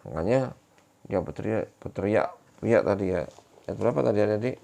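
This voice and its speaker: A man's voice: on the low side, a little fast, vocal fry, slight background noise. A man teaching children at church, telling a Bible story with repeated questions to the kids. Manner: keeps addressing the kids, repetitive and animated.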